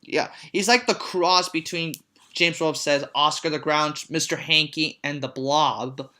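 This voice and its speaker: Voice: mid-range voice, steady tone, unhurried, sharp tone. A reviewer casually recapping a monster movie, rambling with many restarts and repeated words, often amused or disgusted. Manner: easily amused, reacts with disgust and disbelief. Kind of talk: casual spoken film recap.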